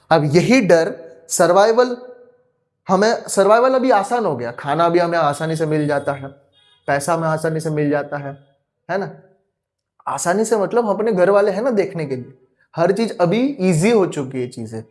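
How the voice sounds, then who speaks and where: A young man giving an earnest spoken lecture, asking rhetorical questions over and over and mixing in English words. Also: on the high side. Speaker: youtube teacher.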